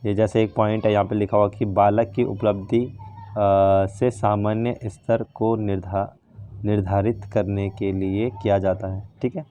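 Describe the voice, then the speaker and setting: A man's voice: lowish voice, little pitch movement, unhurried, dark tone, no echo, highs cut off. A male teacher walking students through a practical file in a casual, informal way, often checking in with "theek hai". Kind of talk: casual lesson walkthrough.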